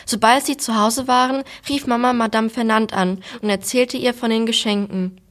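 A woman reading a children's novel aloud in steady storytelling. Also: a little high, normal speed.

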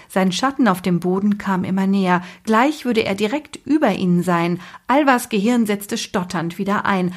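A woman with a breathy voice reading a children's book aloud expressively, dropping to a whisper at tense moments. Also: medium pitch. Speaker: storyteller.

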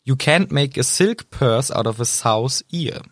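A man co-hosting a podcast, casually chatting as he retells a book chapter with quick asides. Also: mid-range voice, expressive, no echo, studio quality. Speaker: podcast co-host. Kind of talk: casual chat recapping a book.

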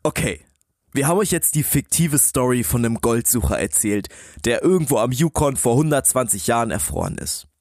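A man's voice: medium pitch, lively intonation, fairly quick, darkish tone, no echo, studio quality. A man co-hosting a podcast, telling stories in a conversational style. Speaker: podcast co-host.

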